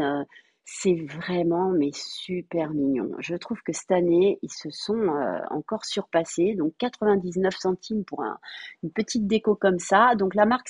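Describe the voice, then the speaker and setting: A woman's voice: lowish voice, a little mellow, breathy edge, dry recording, dull audio. A middle-aged woman presenting her store finds in a gushing, bubbly way, now and then singing little snatches. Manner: gushing, bubbly, breaks into little sung bits. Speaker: vlogger showing store finds. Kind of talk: enthusiastic product haul chat.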